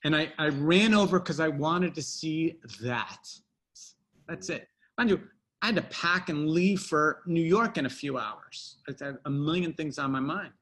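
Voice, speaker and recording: A man's voice: on the high side, measured pace, fairly bright tone. Rambling middle-aged man telling a story. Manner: rambling, full of fillers and restarts. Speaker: guest storyteller. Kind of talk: casual anecdote telling.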